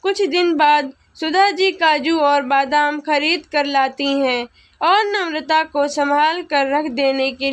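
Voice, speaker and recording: A woman's voice: high-pitched, fairly bright tone. A woman narrating a family storybook tale in a scripted storytelling manner.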